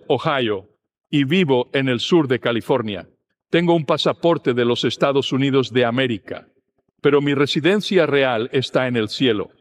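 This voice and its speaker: A man preaching a sermon, speaking in a steady, earnest teaching manner. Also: mid-range voice.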